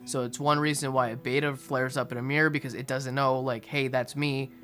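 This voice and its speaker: A young man giving a casual aquarium update voice-over in a monotone, restrained way. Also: mid-range voice, fast. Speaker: fishkeeping video host. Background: music behind the voice.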